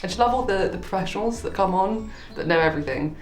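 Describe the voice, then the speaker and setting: A woman's voice: medium pitch, lively intonation, fast talker. A woman casually reading out comments and reacting with dry, playful, self-deprecating sarcasm. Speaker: video creator. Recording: roomy echo, faint music behind. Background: faint music.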